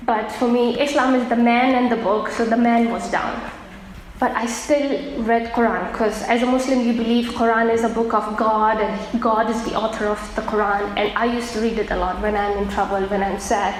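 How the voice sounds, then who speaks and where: A woman from Afghanistan giving an earnest personal testimony, pausing often with fillers. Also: fairly high pitch, fairly even intonation. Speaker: testimony speaker. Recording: echoey room with faint noise.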